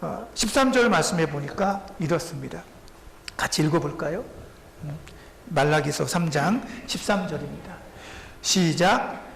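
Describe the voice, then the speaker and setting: A male pastor with a notably high voice delivers a sermon. He works through the passage with rhetorical questions and slips into quoted voices to make his point. A faint room ambience sits behind him. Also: lively intonation, normal speed, gravelly, fairly bright tone, slight background noise, low-quality recording.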